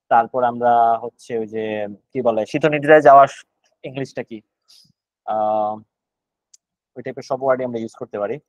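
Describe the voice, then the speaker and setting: A man's voice: medium pitch, no echo, lo-fi sound. A man with a Bangladeshi accent leading a casual online vocabulary lesson, thinking aloud and searching for words. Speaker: vocabulary session leader.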